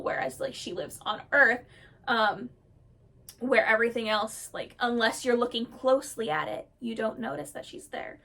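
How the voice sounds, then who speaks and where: A woman vlogger sits in front of her camera and rambles happily about her characters, gushing and rushing her words. Her voice sits a little high. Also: fairly bright tone. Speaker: storyteller vlogger. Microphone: camera mic, seated on camera.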